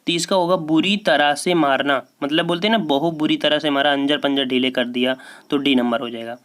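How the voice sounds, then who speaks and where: A man teaching as a Hindi exam tutor, going through practice questions one by one, reading each question out slowly and then explaining the answer with rhetorical questions. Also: fairly high pitch, fairly even intonation, a bit bright.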